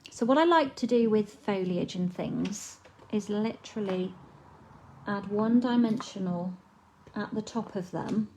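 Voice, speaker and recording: Casting: chatty woman, slight throat frog, relaxed live craft demo host. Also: mid-range voice, measured pace, noisy background. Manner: chatty, relaxed, talks while working. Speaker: papercraft demonstrator.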